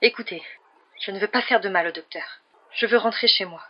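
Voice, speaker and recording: A reader, likely a woman, voicing a panicked, desperate young man holding a knife, talking loud and panicky, on a dull lo-fi recording. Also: mid-range voice, brisk, breathy edge, close to an everyday voice. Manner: raised, panicky.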